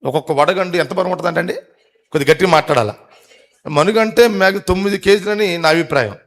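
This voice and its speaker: Fervent male pastor with a higher voice. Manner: questions the crowd and urges loud replies; rises to emphatic, drawn-out climaxes. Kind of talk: live sermon to a congregation. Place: church service before a congregation.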